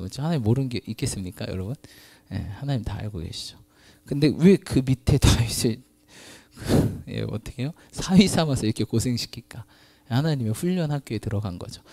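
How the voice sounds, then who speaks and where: A male pastor preaching to his congregation in a chatty, questioning way. His pitch swings widely from low to high as he talks. The sound is dry and close, with little room echo. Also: a little mellow. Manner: laughs often mid-sentence. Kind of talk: sermon.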